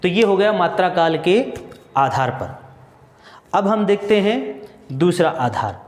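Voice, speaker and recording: Slow, high-voiced man teaching in an echoey room. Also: very animated. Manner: explains step by step, asks questions and answers them himself; repeats key points. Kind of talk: Hindi grammar lesson for exam students. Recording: echoey room with long reverb.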